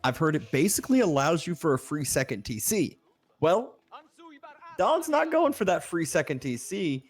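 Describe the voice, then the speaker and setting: A man's voice: on the high side, very animated, moderate pace. A man co-casting an esports match, analytical and rambling, with many filler words. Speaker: co-caster. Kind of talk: esports commentary.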